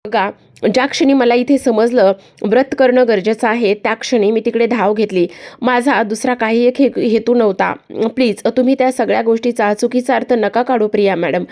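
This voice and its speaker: A woman's voice: a little high, moderate pace, darkish tone, close to an everyday voice. A meek young housemaid pleads politely and sounds bewildered at being blamed, voiced by a woman narrating a serial recap. She keeps asking what went wrong. The reading is plain, near the narrator's own voice. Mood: pleading confused.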